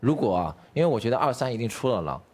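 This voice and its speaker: Male game-show player, mid pitch, quick delivery, jokey step-by-step argument. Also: very animated, darkish tone, slight background noise. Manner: joking, lays out logic step by step. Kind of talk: game-table speech.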